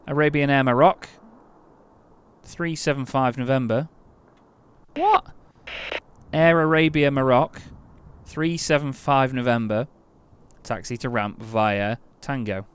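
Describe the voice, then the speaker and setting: A man talks slowly and smoothly at a medium pitch, pausing often, as he plays an air traffic control game. His casual gameplay commentary mixes radio calls with call signs read aloud, and he gets exasperated when his commands fail.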